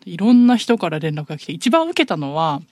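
A woman chatting casually as a podcast co-host, telling animated stories and laughing often. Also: lowish voice, fairly quick, no echo. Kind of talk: casual chat.

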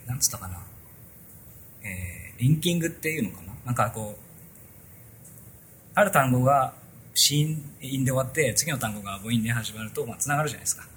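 A man's voice: medium pitch, lively intonation, fairly quick, long pauses, a bit bright, slight background noise. A man hosting a casual tech podcast, chatting loosely through a sponsor spot with many fillers. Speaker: podcast host.

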